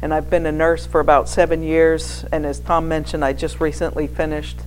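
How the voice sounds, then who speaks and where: A former missionary from New England, now in her sixties, stands before a live church gathering as a guest speaker and recounts her experiences in a hesitant, chatty, anecdotal way. Her voice is deep and flat, at normal speed. Background noise and hum come through clearly in the rough recording.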